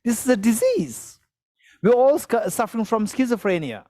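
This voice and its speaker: A man whose first language is Tibetan gives a Buddhist teaching to a live audience in an extremely high, sing-song voice with a darkish tone at normal speed. He repeats phrases, asks for shows of hands, and chuckles as he explains. The studio sound is clean, with no echo.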